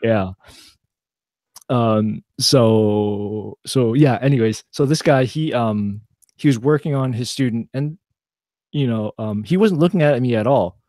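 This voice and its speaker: Young man, casual podcast chat, mellow warm tone, dry close sound, rambling with fillers. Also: mid-range voice, a little slow, no room sound. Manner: rambling, lots of fillers and restarts. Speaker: podcast co-host.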